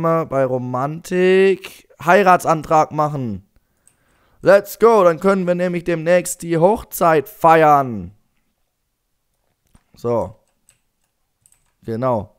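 Slow, smooth-voiced man narrating his gameplay. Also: on the high side. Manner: chatty, talks to his game characters. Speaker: gaming YouTuber. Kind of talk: Let's Play commentary.

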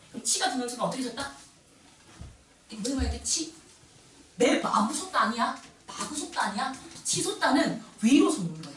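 Lively woman teacher in echoey classroom. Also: sits high. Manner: lively, animated, sing-song emphasis with quick asides to students. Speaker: middle school Korean teacher. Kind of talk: classroom lecture. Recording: echoey classroom from far off, faint noise.

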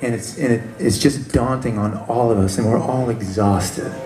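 A man voicing a drunk, long-haired old male metal sculptor who speaks slowly and earnestly. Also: mid-range voice, steady tone, dark tone, natural voice. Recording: echoey live hall with crowd.

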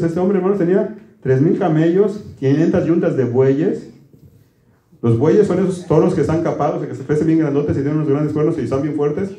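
A man's voice: on the high side, mellow, roomy sound. A man preaching a conversational sermon, folksy and quizzing his congregation with questions. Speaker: pastor.

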